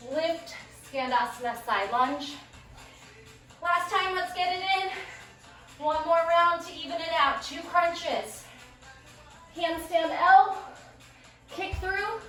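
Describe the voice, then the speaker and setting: A woman's voice: very high-pitched, slow pace, long pauses, fairly bright tone. A woman fitness instructor calling out short, upbeat exercise cues while out of breath, working in a small space. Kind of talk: cueing a workout class. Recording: echoey room, distant mic, background music.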